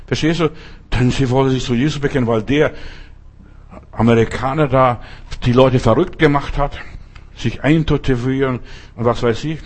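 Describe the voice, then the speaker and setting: Blunt husky-voiced male preacher. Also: mid-range voice, normal speed, long pauses. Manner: blunt, talks straight to the listener and repeats phrases. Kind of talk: informal spoken sermon.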